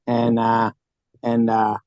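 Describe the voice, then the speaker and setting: A man co-hosting a casual stream, blunt and swearing, with halting restarts. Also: medium pitch, completely flat delivery, a little mellow, dry recording. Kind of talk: casual chat.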